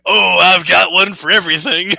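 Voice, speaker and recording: A man's voice: high voice, steady tone, normal speed, vocal fry, pushed and bright, no room sound. A man telling crude jokes in a casual podcast chat, laughing and swearing among friends. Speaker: podcast co-host.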